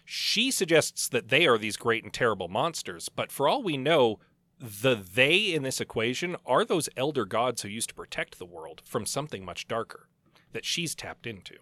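Casting: man, bright forward voice, wry podcast co-host chatting about books, dry studio-close sound. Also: medium pitch, big pitch swings, moderate pace, dry recording. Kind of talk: casual book discussion.

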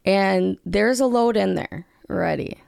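A woman's voice: mid-range voice, a little slow, creaky, a little mellow, dry recording, clean studio sound. A woman co-hosting a casual relationship podcast, a chatty storyteller with teasing interjections. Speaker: podcast co-host.

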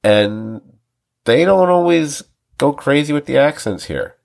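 A man's voice: a little high, unhurried, gravelly. A man co-hosting a TV review podcast, rambling casually with restarts, laughing often and acting out quoted lines. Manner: acts out quoted lines with animated voices. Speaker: podcast co-host.

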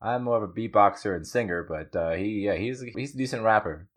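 A man who is a guest on a podcast, chatting casually and stumbling over his first words. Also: on the low side. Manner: halting, repeats words when starting a thought. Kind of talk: casual chat.

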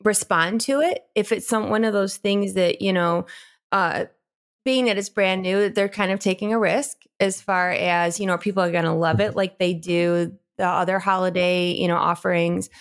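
A woman's voice: medium pitch, steady tone, moderate pace. A woman co-hosting a podcast, chatting casually with many fillers. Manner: friendly, rambling with many fillers. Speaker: podcast co-host and park reporter.

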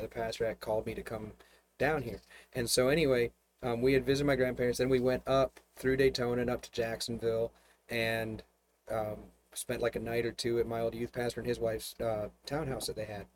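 A man's voice: medium pitch, a little fast, slight background noise. A man hosting a casual chat, a pastor, telling rambling stories and laughing often. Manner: rambling, relaxed storytelling with frequent laughs. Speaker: host and pastor. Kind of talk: casual conversation.

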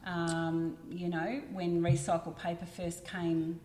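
A woman with a slightly low voice chats easily on a podcast, filling her sentences with ums and you knows. Her voice hangs in a lingering reverb, as if the room is large and hard-walled. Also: flat delivery, slow, warm tone, a little hiss or hum. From Australia. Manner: chatty, many fillers like um and you know. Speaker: guest, printing business representative. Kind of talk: casual podcast conversation.

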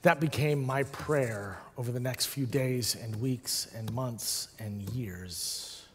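A man's voice: mid-range voice, a little hiss or hum. Reflective preaching man in a reverberant hall. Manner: reflective, with soft hushed passages and slow dramatic pauses. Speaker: pastor. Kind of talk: personal storytelling sermon.

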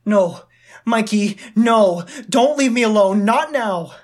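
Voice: mid-range voice, animated, slow pace. A woman voicing Billy, a timid, earnest boy of about nine, in a table read of a screenplay. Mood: pleading.

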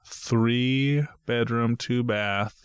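A man's voice: medium pitch, steady tone, very slow, smooth, no room sound, studio quality. A man co-hosting a podcast in a casual chat, tossing out jokes and wandering asides. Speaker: podcast co-host. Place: home basement studio.

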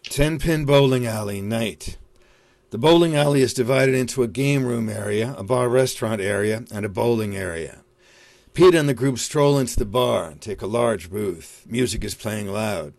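A man's voice: mid-range voice, normal speed, gravelly, a little mellow, no room sound. A man narrating, reading screenplay stage directions.

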